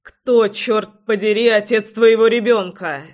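A woman voicing a furious, jealous young husband who shouts accusations at his wife and then mutters to himself in an audiobook. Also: mid-range voice, measured pace, natural voice. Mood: enraged.

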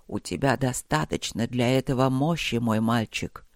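A frail old emperor lies dying in a storybook battle, voiced by a man. His voice sinks low and slow into a breathy whisper. He stays tender and resigned, and the recording is dry and close. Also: no room sound. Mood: weak, tender.

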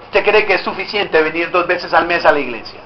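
A man's voice: on the high side, brisk, lo-fi sound, a little hiss or hum. A male pastor preaching a sermon, exhorting the congregation with direct questions, recorded in a church hall.

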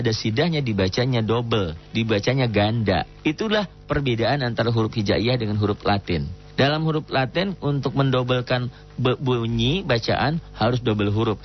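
A man teaching the rules of Quran recitation in a patient lesson, stopping to chant examples slowly and melodically. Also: medium pitch, lo-fi sound. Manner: explains rules patiently, breaks into slow melodic recitation of Arabic.

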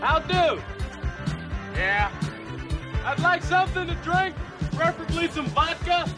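A cocky, fast-mouthed street hustler in a 1980s action film, talking in a very high voice that stays brash and mocking. Music plays clearly under his lines on the soundtrack. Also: expressive. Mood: mock friendly. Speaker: convict posing as a cop.

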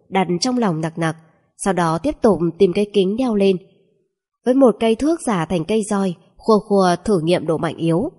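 A woman reads a novel aloud in a steady, even storytelling manner. Her voice is mellow and dark, with a soft breathy grain. The pace stays calm throughout the narration. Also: mid-range voice.

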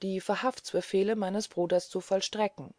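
A woman reading aloud voices a grave, courteous gentleman who speaks in a measured, solemn way. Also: mid-range voice, steady tone, no room sound, clean studio sound, natural voice.

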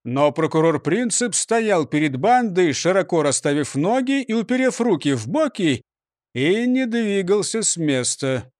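A man narrating a children's storybook in an animated, expressive way. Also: high-pitched, unhurried, no echo, studio quality.

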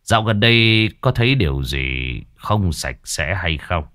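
A man voicing a stern, grave older exorcist in a ghost story, speaking slowly and quietly. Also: low-pitched, sing-song, no echo, studio quality, exaggerated voice. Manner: slow, grave, measured.

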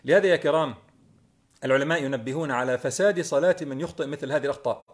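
A middle-aged man giving a religious lesson in an earnest, corrective tone. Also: on the high side. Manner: earnest, corrective, drawls out demonstrated chants. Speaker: preacher.

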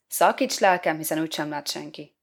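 A bashful, stammering young Adam, as a woman reads him in a storybook tale. His voice sits a little low and sounds flustered and sheepish, fumbling for words when he is caught out.

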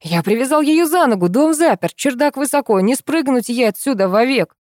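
A woman voicing a coarse, furious man who yells and swears, reading a story aloud. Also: medium pitch, expressive, normal speed, no room sound, studio quality, close to an everyday voice. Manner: yelling, swearing, explosive.

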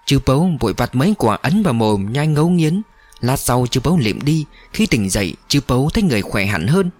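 A man narrates a story with dramatic expression. His pitch moves widely through each sentence. The recording is close and dry with no room sound. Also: no echo.

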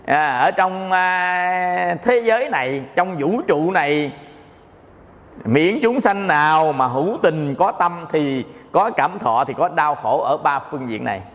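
A man's voice: a little high, lively intonation, unhurried, fairly bright tone. A male Buddhist monk with a Southern Vietnamese accent gives a dharma talk in a playful, joking way, often checking that listeners follow. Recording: long hall reverb.

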